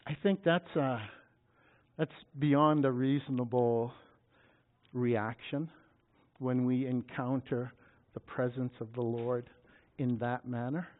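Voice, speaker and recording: A man preaching a sermon, reading scripture and bursting into loud, dramatic cries at the high points. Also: fairly even intonation, takes it slowly, pauses often. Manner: dramatic, shouting scripture at peaks. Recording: tinny phone-like sound.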